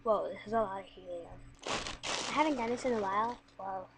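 A young woman vlogging in a squeaky chipmunk voice from breathing in helium, chatting in a scattered way with lots of filler words. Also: a little fast, background noise. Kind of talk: casual rambling vlog chat.

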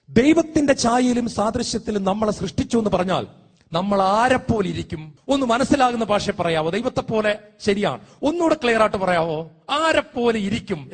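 Husky high-voiced man preaching emphatically. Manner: emphatic preaching, acting out story voices, asking the crowd. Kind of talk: sermon. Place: large convention hall.

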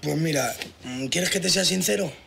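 An actor playing a bossy, protective, sarcastic elder brother in a TV drama, with a Spanish accent from Spain. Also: male voice, fairly high pitch, moderate pace, gravelly, a bit bright, slight background noise. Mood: sarcastic, irritated. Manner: sarcastic, commanding. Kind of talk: naturalistic TV drama acting.

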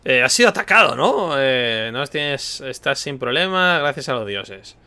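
A man's voice: mid-range voice, big pitch swings, unhurried, sharp tone, clean tone. A man with an accent from Spain, a streamer joking and commenting playfully while he plays a video game. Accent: Spain Spanish. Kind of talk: casual gameplay commentary.

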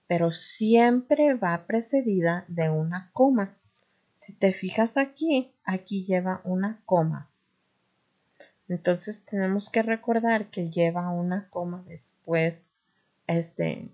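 A woman teaching a grammar lesson, patient and careful, often pausing with fillers and correcting herself. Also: lowish voice, darkish tone. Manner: patient, self-correcting, frequent "este" fillers.

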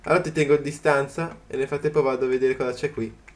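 A man giving casual commentary as he plays a video game, chatty and quick to yelp in surprise. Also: medium pitch, steady tone. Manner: chatty, jumps to startled yelps at the game. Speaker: gaming channel host. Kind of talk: let's play commentary.

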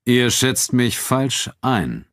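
Man reading as a measured town official, calm and cold, voice lifted from a very deep base, dry close sound, storybook reading. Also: no room sound. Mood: calm firm. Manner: calm, measured, quietly firm.

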